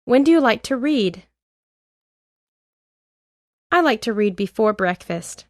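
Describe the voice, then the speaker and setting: A woman with an American accent reads English lesson drills in a slow, careful cadence. Her voice sits a little high, and the recording is dry and close. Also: animated, no echo. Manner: clear, deliberate drill reading. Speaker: English teacher. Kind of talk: slow scripted lesson reading.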